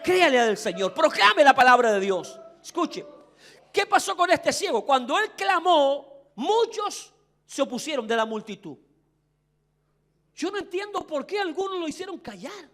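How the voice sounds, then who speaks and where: A man preaching a fervent sermon as pastor, swinging from hushed pleading to loud shouting and acting out the voices of others. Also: very high-pitched, sing-song, normal speed. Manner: acts out quoted voices of the crowd.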